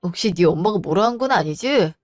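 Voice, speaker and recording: A woman's voice: mid-range voice, expressive, a little fast, darkish tone, faint music behind, lightly acted. A woman voicing a cheating husband and father who pleads and makes excuses in a defensive, wheedling way. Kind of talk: storybook voice acting.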